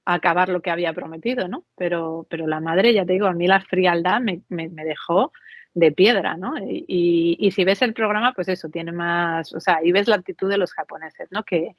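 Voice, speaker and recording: A woman from Mexico and Spain, a podcast guest, telling stories in an animated, chatty way and often checking in with tag questions. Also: fairly low pitch, no echo. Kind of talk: conversational interview.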